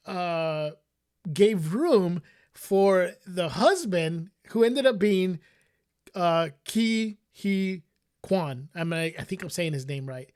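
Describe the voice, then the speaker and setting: A man's voice: high-pitched, darkish tone. A man hosting a casual movie show, talking loosely with many fillers and restarts. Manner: rambling, lots of fillers and restarts. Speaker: host. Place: solo show recording.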